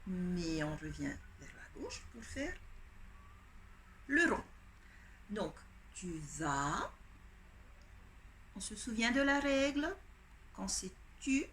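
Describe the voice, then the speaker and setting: A woman's voice: mid-range voice, a bit bright, slight background noise. A woman primary school teacher giving a dictation lesson to children, patiently spelling out each letter and pen stroke step by step. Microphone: home recording for an online class.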